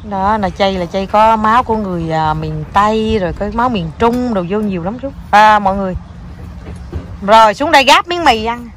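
A woman's voice: mid-range voice, a little fast, a bit bright, slight background noise. A young mother with a southern Vietnamese accent, talking casually in a family vlog. She keeps up a chatty stream of coaxing and praise for her child, slipping English words into her speech.

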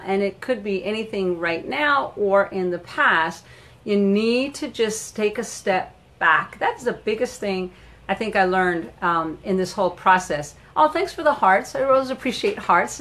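A middle-aged woman talks casually to her live-stream viewers from home. Her voice sits at an ordinary middle pitch, and her delivery is animated and chatty. She greets viewers as she goes and laughs easily. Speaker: live-stream host and wellness coach. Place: at home in Florida.

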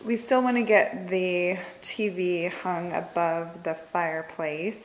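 A woman's voice: fairly low pitch, steady tone, slow pace, rough recording. A woman in her thirties giving a casual, upbeat home tour vlog, holding the camera in a large house and chatting with many fillers. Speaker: home vlogger. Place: large house with open living room and kitchen. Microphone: handheld camera, filming herself off screen.

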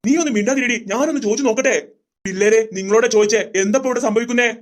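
A performer voicing a father who tries to calm things in a comic family skit. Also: mid-range voice, racing, lightly acted. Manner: soothing, reasoning.

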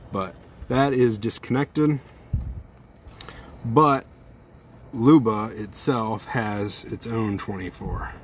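A man casually narrating his robot mower test as a home video creator, thinking out loud and explaining what he sees on screen. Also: lowish voice, slight background noise. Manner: thinking aloud, conversational, explanatory. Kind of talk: casual tech vlog narration. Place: indoors, at home near a computer, at times outside.

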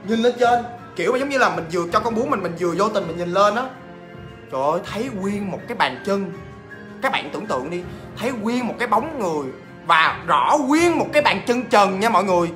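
A man telling a ghost story in a chatty, animated way, talking straight to his listeners. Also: high voice, quick pace, music in the background.

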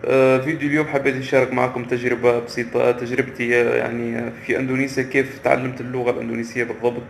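Fast, halting man with a gravelly voice. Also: medium pitch, level tone, slight background noise. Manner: halting, often stops to search for words. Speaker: vlogger. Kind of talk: casual vlog to camera. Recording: roomy echo with faint ambience.

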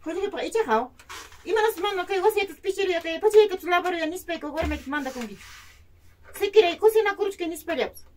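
A woman's voice: extremely high pitch, animated, quick pace, a little hiss or hum. A woman voicing a nosy, chattering neighbor woman, speaking Quechua-mixed Andean Spanish, in a comedy sketch. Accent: Andean Peruvian, Quechua-mixed.

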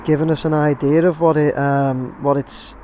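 With slight background noise, a man with an English accent rambles chattily through his drone footage, addressing viewers as "guys" while standing outdoors near a construction site. His mellow voice is on the high side, level in tone, at a normal speed.

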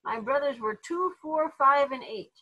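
A woman reading a children's storybook aloud with animated delivery, putting on voices for the characters. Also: high-pitched, a little slow, muffled recording. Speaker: therapy dog handler reading to kids.

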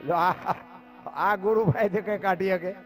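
A man's voice: high voice, fairly even intonation, measured pace, music in the background. A man telling folk stories live, chatting directly with his listeners. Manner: chatty, addresses listeners directly, laughs softly. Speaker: folk storyteller. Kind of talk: live folk storytelling to an audience.

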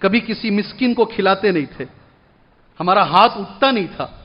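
A man preaching a sermon from a pulpit with passion, repeating phrases for emphasis and reciting verses slowly. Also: sits high, animated, highs cut off. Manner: impassioned, repeats phrases for stress. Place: at a pulpit before a congregation. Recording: long echoey hall reverb.

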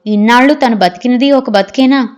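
A woman narrating a novel as an audiobook reader, in a steady storytelling manner. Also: on the high side, brisk.

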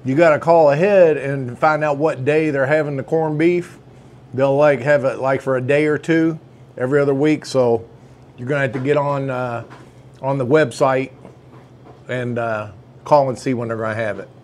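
A man's voice: medium pitch, steady tone, normal speed, darkish tone. Folksy man reviewing a sandwich. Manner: chatty and folksy, savoring food between remarks. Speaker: food reviewer. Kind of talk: casual food review vlog. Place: indoor deli dining room.

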